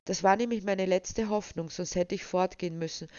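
A woman voicing a shy, eager young village woman, soft and earnest, in a dull, dry recording. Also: fairly low pitch, moderate pace, no room sound, close to an everyday voice.

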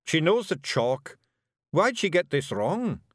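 Man doing a high, forceful tiny Scottish clan chief. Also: big pitch swings, slow pace, no echo, studio quality, heavily acted. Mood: puzzled, impatient. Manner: forceful, urgent, plain-spoken. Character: tiny gruff male Feegle leader, commanding, fiercely protective.

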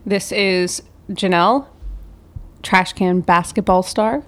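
A woman's voice: medium pitch, slow pace, a bit bright. A woman co-hosting a podcast, explaining things in an informal, conversational way. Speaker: podcast co-host. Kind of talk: casual explanatory chat.

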